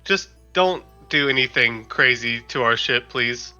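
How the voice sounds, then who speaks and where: A man with a very bright, forward voice role-plays casually as a game player. The audio is a little dull and band-limited, with faint music behind. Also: mid-range voice, unhurried. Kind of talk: casual in-character role-play.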